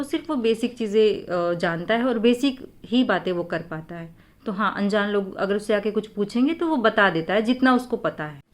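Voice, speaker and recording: A mother at medium pitch answers viewers' questions in a casual way, explaining things patiently step by step. She pauses often and uses fillers.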